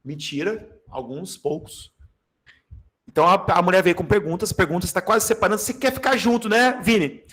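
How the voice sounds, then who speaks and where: Animated high-voiced Brazilian teacher. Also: male voice, normal speed, husky. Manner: animated, jokey, addresses class directly. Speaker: Portuguese teacher. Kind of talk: lively exam-prep class. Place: classroom.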